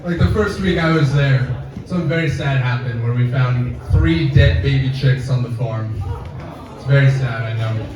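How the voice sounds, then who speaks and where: A young man performing a stand-up comedy set on a campus coffee house stage, deadpan and self-deprecating, with audience laughter behind him. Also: medium pitch, normal speed, music in the background. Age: young adult. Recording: echoey room, mic from far off.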